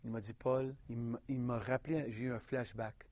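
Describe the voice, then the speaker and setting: A man from Quebec with a Québécois French accent, preaching a personal testimony in an earnest, halting way with frequent restarts. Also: mid-range voice, fairly even intonation, darkish tone, no room sound, dull audio.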